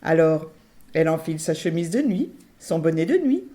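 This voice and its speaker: A woman storyteller telling a children's tale in an animated, playful way. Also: sits low, normal speed.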